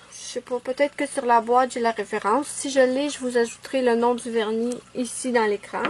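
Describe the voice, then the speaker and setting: A woman chatting casually at home through a nail art tutorial, self-mocking and quick to apologize. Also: sits high, darkish tone, slight background noise.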